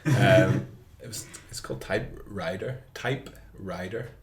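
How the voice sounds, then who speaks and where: Low-voiced man in an echoey room. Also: slow pace. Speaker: podcast co-host. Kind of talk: casual chat. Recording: echoey room with background noise.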